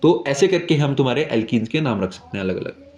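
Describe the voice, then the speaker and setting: A man's voice: mid-range voice, animated, fast talker, a little mellow. Young male chemistry teacher, echoey room. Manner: asks questions and answers them himself, repeats "ठीक है". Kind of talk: classroom lesson explanation.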